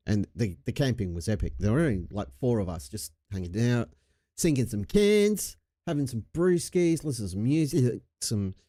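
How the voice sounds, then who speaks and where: With a warm, medium-pitched voice, an Australian man hosts a laid-back livestream full of jokes and swearing. A lingering cough marks his recovery from a chest infection. The sound is clean studio audio without any room sound.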